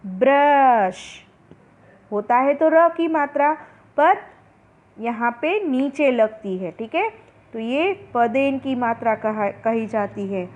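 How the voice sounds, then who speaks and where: A high-voiced woman teaches a phonics lesson, sounding out words at a very slow, deliberate pace. Her voice comes through a narrow, phone-like recording. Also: lively intonation, darkish tone. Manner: slow, drawn-out pronunciation of each word for students.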